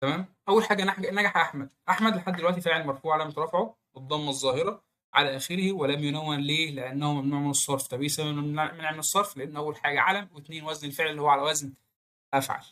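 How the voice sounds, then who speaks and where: Fast-talking Egyptian male grammar teacher. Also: on the high side, sharp tone. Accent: Egyptian Arabic. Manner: quizzes the viewer with quick rhetorical questions. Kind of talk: online grammar lesson.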